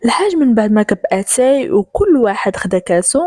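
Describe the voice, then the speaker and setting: Lively Moroccan woman telling a story. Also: on the high side, fast, no room sound, studio quality. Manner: lively, switching voices for characters. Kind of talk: first-person story narration.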